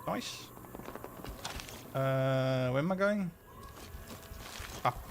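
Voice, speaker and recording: A man's voice: mid-range voice, drawn-out words, noisy background. A man streaming a game live, chatting and reacting aloud as he plays. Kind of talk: casual live gameplay commentary.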